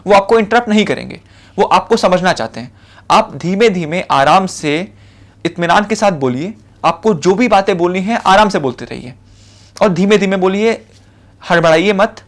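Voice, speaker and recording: Young indian guy casually giving interview tips, lots of fillers, repeats himself. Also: high voice. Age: young adult. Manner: casual, conversational advice with frequent fillers and English mixed in; repeats points in short phrases. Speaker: civil services officer giving interview advice. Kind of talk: spoken lecture.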